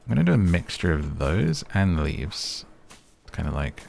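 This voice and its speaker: A man with a hoarse, raspy, strained voice, giving relaxed, rambling game commentary meant for sleep and muttering to himself as he plays. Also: low voice, moderate pace, a little hiss or hum. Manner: chatty, muttering to himself while playing. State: voice going hoarse. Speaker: gaming video creator and podcaster.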